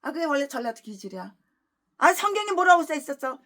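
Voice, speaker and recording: A woman pastor delivers an expository sermon in a high, sharp voice. She lurches between loud outbursts and low, bitter mutters. Her pitch leaps wildly from line to line. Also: sing-song, fast. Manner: abusive, swings between shouting and muttering. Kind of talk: expository sermon with angry tirades.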